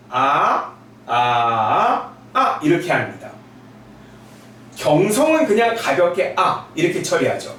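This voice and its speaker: A middle-aged male professor giving a recorded lecture. He is relaxed and chatty, adds asides, and demonstrates sounds by sliding his voice up and down. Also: a little hiss or hum. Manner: demonstrates sounds with sung pitch glides. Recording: echoey room from a distance.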